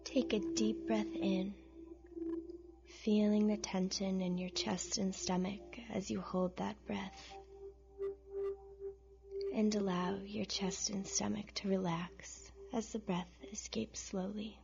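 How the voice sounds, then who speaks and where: A woman narrating a scripted guided relaxation in a soft, breathy near-whisper, with gentle, soothing instructions and pauses. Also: mid-range voice, flat delivery, dull audio. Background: soft music.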